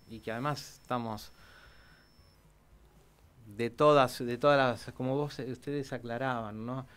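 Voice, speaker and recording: A historian speaks on a radio interview with a smooth, clear voice at a middle pitch. He tells stories with lively energy and often restarts his sentences. He sounds like a guest explaining history in a studio conversation. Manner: animated storytelling, many restarts.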